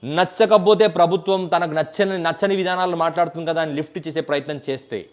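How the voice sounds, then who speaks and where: Man, high-pitched voice, political commentary, impassioned, repetitive lists, drops in English words. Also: steady tone, fast talker. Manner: impassioned, rhetorical, repeating phrases in lists; mixes English words into speech.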